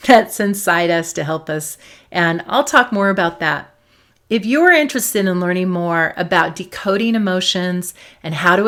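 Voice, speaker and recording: A woman's voice: on the low side, fairly bright tone. A woman psychologist speaking to camera about emotions in an emphatic way, stressing and repeating her key points. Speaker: psychologist and host.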